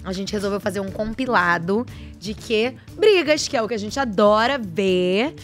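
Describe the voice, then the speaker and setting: A woman hosting a casual chat, playful and quick to laugh. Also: medium pitch, soft background music. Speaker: host.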